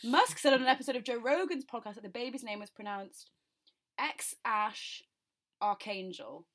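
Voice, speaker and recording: A woman's voice: on the high side, expressive, fast. A woman co-hosting a podcast, chatting casually and rambling with lots of fillers and laughter. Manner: giggly, rambling with many "like"s and "um"s. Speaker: podcast co-host. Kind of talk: casual chat.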